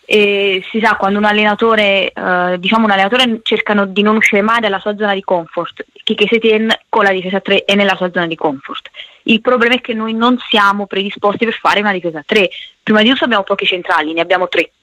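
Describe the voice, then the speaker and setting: A woman's voice: medium pitch, steady tone, fast talker, sharp tone, no echo, rough recording. A woman giving conversational football analysis as a pundit on a radio show.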